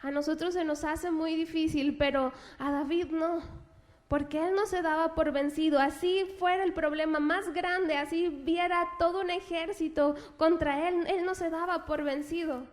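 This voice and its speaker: A woman preaching a sermon, earnestly asking the listener questions and reading scripture slowly and deliberately. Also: very high-pitched, fairly even intonation. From Mexico.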